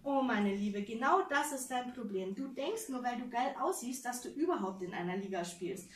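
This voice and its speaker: A woman's voice: fairly high pitch, expressive, normal speed, lightly acted. A woman reading as a cocky, cursing young man. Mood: scornful. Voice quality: crude, blunt. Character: brash young male lover, cocky, cursing. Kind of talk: live reading aloud. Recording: roomy, distant mic, faint noise.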